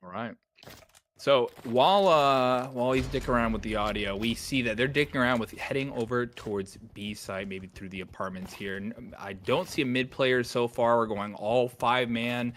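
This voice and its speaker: A man calling a video game match as co-caster, joking between quick play-by-play calls. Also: mid-range voice, a bit bright, a little hiss or hum. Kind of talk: play-by-play esports commentary.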